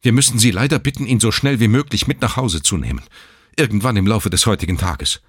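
A man's voice: mid-range voice, huge pitch swings, normal speed, fairly bright tone, breathy edge, no echo, studio quality, pitched above the performer's own voice, heavily acted. Man doing a stern, strict nurse. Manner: stern, firm.

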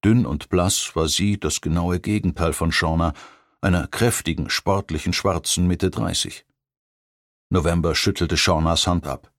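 A man narrating a thriller audiobook in a measured, even storytelling voice. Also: sits low, no room sound, studio quality. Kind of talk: scripted narration.

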